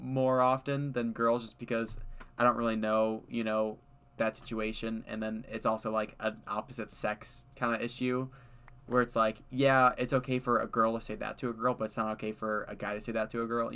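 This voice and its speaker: A man's voice: medium pitch, flat delivery, brisk, a bit bright, smooth. A young man streaming and chatting casually, rambling with lots of fillers and frequent laughter. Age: young adult. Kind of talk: casual chat while gaming.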